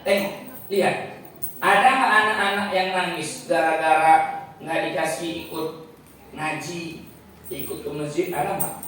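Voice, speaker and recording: A man's voice: high voice, a bit bright, slight background noise. Dramatic male preacher in an echoey mosque. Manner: dramatic, rising and falling storytelling. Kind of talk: sermon. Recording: echoey mosque hall from far off.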